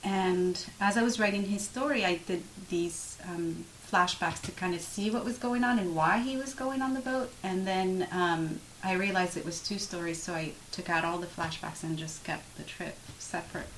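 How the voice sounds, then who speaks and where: A faint hiss sits beneath this rough recording of a Moroccan writer, a native Arabic speaker, answering interview questions about her work. Her voice is a little low, and she talks carefully, often going back to restart a phrase.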